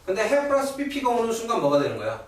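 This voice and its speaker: Lively male teacher in an echoey classroom. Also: very high-pitched, fast, recorded from a distance, slight background noise. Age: middle-aged. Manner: keeps checking in with rhetorical questions. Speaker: English teacher. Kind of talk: classroom grammar lecture. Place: classroom at a cram school. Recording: echoey room, voice from afar, old video.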